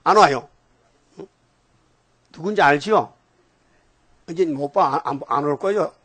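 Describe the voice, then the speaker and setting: A man's voice: fairly high pitch, unhurried, fairly bright tone, dry recording. A male pastor preaching a sermon, scolding his congregation with rhetorical questions and calling on them to repeat after him.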